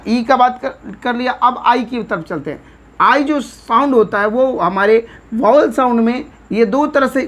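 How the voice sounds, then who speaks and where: A woman with an Indian accent teaching an English vocabulary lesson, spelling words letter by letter and often checking in with "theek hai". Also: fairly high pitch.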